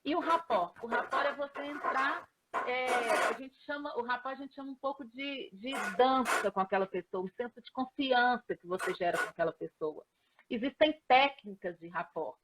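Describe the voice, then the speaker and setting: A woman's voice: a little high, normal speed. Woman coach on a noisy call. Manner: explanatory, with frequent hesitation fillers. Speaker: professional coach, guest. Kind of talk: explaining in a live online chat. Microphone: video call.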